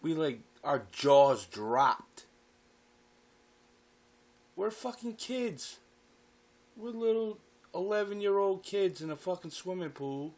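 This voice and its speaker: A man's voice: sits high, slow pace, pauses often. A man telling a personal anecdote, swearing freely as he goes. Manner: profane, animated storytelling. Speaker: storyteller.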